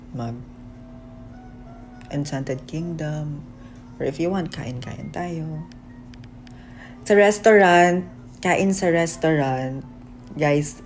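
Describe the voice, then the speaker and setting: A man's voice: a little high, noisy background. Playful young man livestreaming. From Philippines. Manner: playful, teasing, laughs at himself, mixes Tagalog and English. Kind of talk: casual livestream chat.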